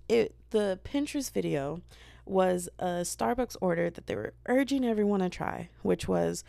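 A young woman from the United States hosts a solo podcast, rambling, giggling and poking fun at herself. Her voice is on the low side, creaky and dark in tone, with no echo.

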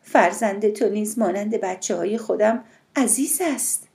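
A woman voicing a steady, reasoning sister who speaks in a measured, firm way. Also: medium pitch, gravelly, lightly acted. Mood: calm reasoning.

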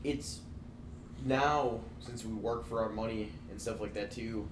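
A man's voice: lowish voice, steady tone, unhurried. A man hosting a podcast in casual, laid-back chat that rambles a little. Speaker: podcast host. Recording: echoey room, faint background noise.

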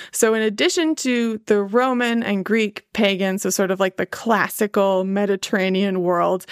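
A woman's voice: mid-range voice, smooth, dry recording, studio quality. A woman with a Midwestern accent hosting a casual podcast chat, talking with lots of "like" fillers and frequent laughs. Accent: Midwestern American. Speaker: podcast host.

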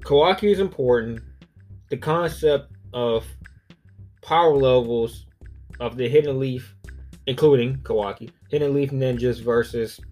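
A man's voice: mid-range voice, darkish tone. A man from southern Alabama with a Southern US accent, hosting a podcast solo in a rambling, conversational, profanity-sprinkled way. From southern Alabama, United States. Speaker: podcast host. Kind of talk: casual solo podcast commentary.

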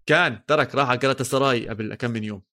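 A man's voice: mid-range voice, racing, sharp tone. A man with a Levantine Arabic accent co-hosting a football podcast in casual, colloquial, bantering chat.

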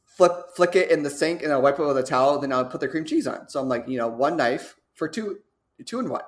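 A woman's voice: low voice, fast talker. A young woman co-hosting a casual podcast chat, giggly and swearing as she tells stories. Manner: giggly, swearing, lively storytelling. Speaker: podcast co-host.

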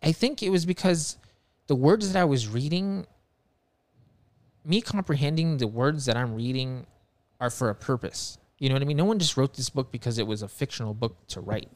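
A man's voice: mid-range voice, moderate pace, no room sound. Man, casual podcast chat, rambling and profane, earnest, dry close sound. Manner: rambling, profane, lots of filler words; earnest and emphatic. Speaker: podcast guest telling a paranormal story.

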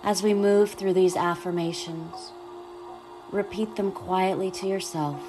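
A woman guiding a meditation in a soft, soothing manner, speaking slowly and gently. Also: fairly low pitch, steady tone, music in the background. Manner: soft, slow, soothing delivery. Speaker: podcast host and meditation guide. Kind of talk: guided meditation.

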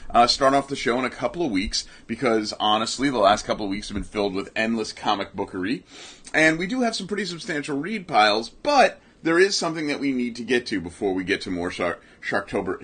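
A man's voice: mid-range voice, fairly bright tone, breathy edge. A young adult man hosting a podcast in casual comedic chat, rambling and self-mocking. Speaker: podcast host.

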